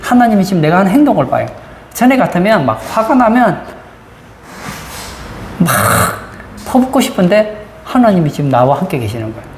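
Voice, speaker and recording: A female pastor preaches a sermon in a church sanctuary, frequently putting rhetorical questions to the congregation. Her medium-pitched, slightly mellow voice swings widely in pitch, moving fairly quickly but with long pauses. Roomy church acoustics and faint background noise fill the recording.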